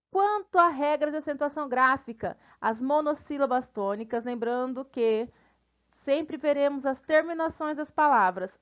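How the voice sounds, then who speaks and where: A woman teacher with a Brazilian Portuguese accent giving a recorded grammar lesson, friendly with her students and spelling out syllables slowly. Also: sits high, a bit bright, lo-fi sound. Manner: friendly, addresses students casually.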